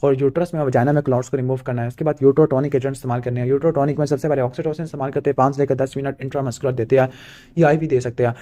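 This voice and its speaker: Guy from pakistan doing quick revision notes, asks himself stuff then says clear, warm low-key voice. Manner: asks himself rhetorical questions, ticks off points with "clear"; rattles through memorized lists. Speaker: medical exam tutor. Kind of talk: fast exam revision lecture.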